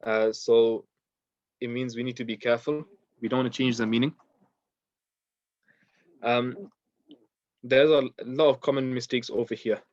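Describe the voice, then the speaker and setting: A man at an ordinary middle pitch teaches a beginners' pronunciation class, patient and methodical. He breaks each sound down step by step and fills his pauses with ums and uhs. The recording is dry and slightly dull. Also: fairly even intonation, darkish tone, dry recording. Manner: patient, explains step by step with many fillers. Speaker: Quran recitation teacher.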